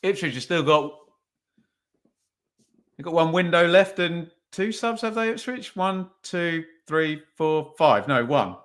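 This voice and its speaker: A podcast host speaks slowly and expressively in a slightly high, fairly bright voice as he provides laid-back watch-along commentary on a football match, thinking aloud and adding tag questions.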